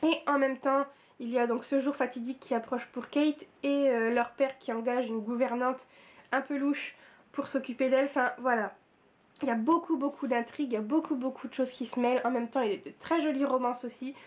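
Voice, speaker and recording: A woman with a French accent speaks in a high, steady, brisk voice as she chats casually about her month's reading for her book vlog. She repeats words for emphasis and uses many fillers.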